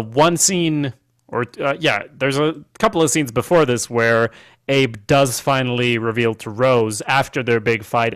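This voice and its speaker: A man co-hosts a relaxed podcast and recaps episodes in a loose, profane, joking way. His voice sits at an ordinary male pitch. The recording is dry and close, with no room echo. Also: clean tone. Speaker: podcast co-host. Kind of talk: casual chat reviewing a TV show.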